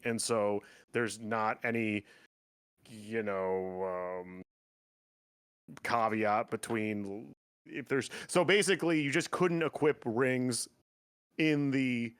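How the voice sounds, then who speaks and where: A man's voice: medium pitch, slow pace, clean tone, no echo. Man, podcast host, rambling casual chat, laughs a lot, resonant voice, dry sound. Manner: rambling, laughs often, many fillers.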